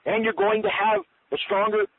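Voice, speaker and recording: A business coach delivers a recorded training talk, earnest and repetitive, restarting sentences and acting out sample sales calls. His husky voice sits high with little pitch movement at a moderate pace, and the audio has a tinny phone-line sound.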